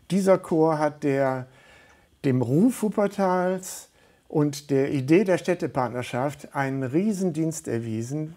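A middle-aged man who organizes volunteers appears as a guest in a studio interview, speaking earnestly but hesitantly with many fillers. His voice is fairly high-pitched with a darkish tone.

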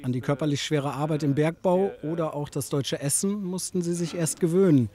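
A man narrating a news report voice-over in a measured, even manner. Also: fairly high pitch.

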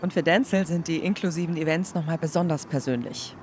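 A man reading a news voice-over in a plain, even way. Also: on the high side, a little fast, noisy background. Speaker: news reporter.

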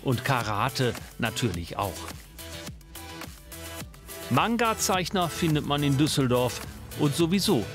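A man's voice: mid-range voice, very animated, slow pace, pauses often. Male TV reporter narrating over music. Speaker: news reporter.

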